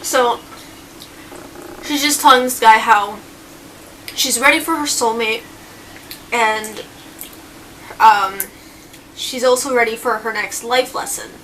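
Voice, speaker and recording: Young woman vlogger, kinda high voice, talks slow, mic a bit far away w/ faint noise. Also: steady tone, fairly bright tone. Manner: unhurried, chatty, eating while talking. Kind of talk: casual storytelling vlog.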